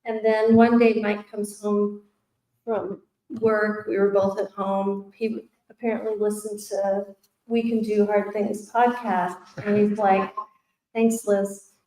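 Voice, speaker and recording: A woman co-author telling an anecdote on a panel, slow and laughing as she goes. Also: medium pitch, flat delivery, warm tone. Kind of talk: casual panel storytelling. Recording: echoey room, faint noise.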